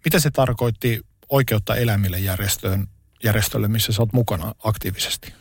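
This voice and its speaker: A man interviewing a guest, asking calm and direct questions. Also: lowish voice, husky, dry recording, studio quality.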